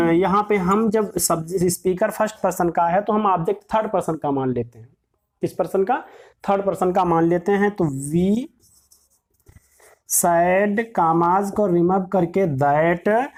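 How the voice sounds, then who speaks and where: A woman's voice: on the low side, darkish tone. A woman teaching a grammar lesson who dictates example sentences word by word and asks her class questions, then answers them herself.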